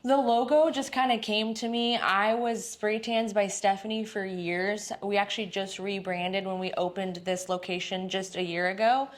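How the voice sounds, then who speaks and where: A salon owner in her thirties from Dallas-Fort Worth, Texas, answers interview questions in a chatty, upbeat way, full of fillers. Her mid-range voice stays fairly even, at normal speed with few pauses.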